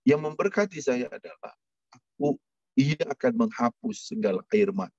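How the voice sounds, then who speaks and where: A man's voice: huge pitch swings, normal speed, vocal fry, darkish tone, slightly rough, dry recording. Male preacher, emotional testimony delivery, dry and slightly muffled recording. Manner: emotional testimony, swinging pitch. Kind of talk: sermon.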